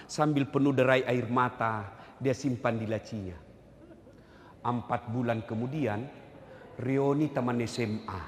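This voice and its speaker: A middle-aged man preaching a humorous sermon to a hall audience, joking and acting out quotes with big swings in his voice. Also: slight background noise. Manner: lively, jokey, acts out quotes with big pitch swings. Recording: echoey hall, faint ambience.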